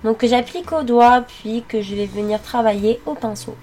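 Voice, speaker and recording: A young woman narrating her makeup routine step by step, pausing often with fillers as she works. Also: on the high side, a little mellow, soft background music. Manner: halting, many fillers while working. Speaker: beauty vlogger. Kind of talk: makeup tutorial voice-over.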